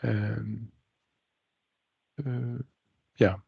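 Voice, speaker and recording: A man on a video call explaining a planned demonstration to a meeting, halting often with ums and uhs. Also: on the low side, level tone, gravelly, slightly rough, no echo. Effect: heard over a video call. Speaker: meeting participant presenting a demo. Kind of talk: business meeting update. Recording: dry, slightly muffled video call audio.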